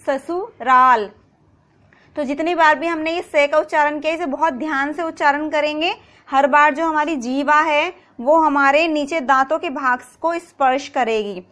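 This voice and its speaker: Woman teacher with a high voice, patient, keeps repeating words slowly and asking questions back. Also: a bit bright. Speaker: Hindi grammar teacher. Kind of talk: explanatory video lesson.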